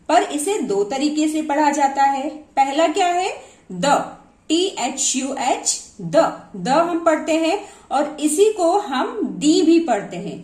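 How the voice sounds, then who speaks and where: In an echoey room, a woman with a high, slightly mellow voice gives a slow lesson on English pronunciation. She switches between Hindi and English words and fields her own questions.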